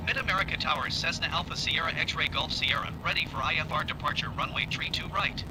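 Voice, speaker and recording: A man working as a pilot, making quick formal radio calls through a cockpit headset. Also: a little high. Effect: radio call through a cockpit headset. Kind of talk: clipped radio phraseology. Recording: engine noise in a small plane cockpit.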